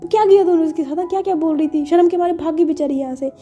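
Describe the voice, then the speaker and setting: A woman's voice: extremely high pitch, fast, warm tone, dull audio, faint music behind, voice pushed up. A woman doing Ruhi, a flustered hot-tempered wife. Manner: flustered, stammering denials and scolding.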